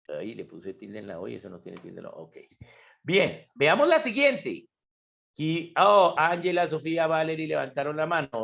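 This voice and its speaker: A man's voice: fairly high pitch, gravelly, a bit bright. A man teaching an online chemistry class, explaining step by step and often asking if students follow. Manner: explanatory, asks frequent checking questions. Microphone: computer mic on a video call.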